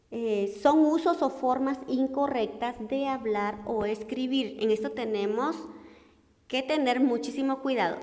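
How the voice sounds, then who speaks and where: A woman teacher with a fairly high voice walks through a grammar lesson. She moves slowly from one example to the next and often checks in with the listener. The recording has a long, lingering reverb. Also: a little mellow. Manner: explains slowly with many examples, checks in with "¿verdad?".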